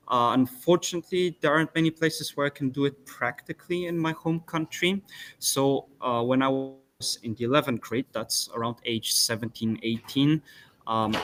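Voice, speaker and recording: A man's voice: mid-range voice, fairly bright tone. Young man introducing himself. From Bulgaria. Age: young adult. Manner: earnest, brisk, a few restarts. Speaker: student guest. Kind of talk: self-introduction in a webinar.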